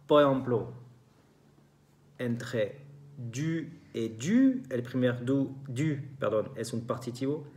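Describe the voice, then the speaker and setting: Slow, careful teacher. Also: medium pitch, a little mellow, slight background noise. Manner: slow and careful, repeats each example word. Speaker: French teacher. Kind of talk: beginner language lesson.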